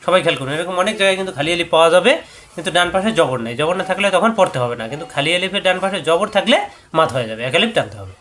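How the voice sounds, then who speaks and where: A man whose first language is Bengali, teaching Quran recitation rules, drawing out each example word slowly and then explaining the rule briskly. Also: sits high, lively intonation, fairly bright tone. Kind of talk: tajweed lesson.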